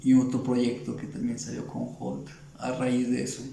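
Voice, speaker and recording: A man's voice: mid-range voice, monotone, normal speed, vocal fry, dark tone, roomy sound, low-quality recording. A Mexican man with a Mexican Spanish accent, an illustrator in a casual interview, talking in a rambling way with many fillers and restarts. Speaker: illustrator guest.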